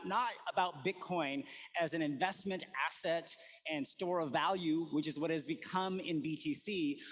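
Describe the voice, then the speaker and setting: A man's voice: high-pitched, a bit bright. A man in his forties from the United States giving an earnest prepared keynote talk, weaving in personal stories. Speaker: conference speaker.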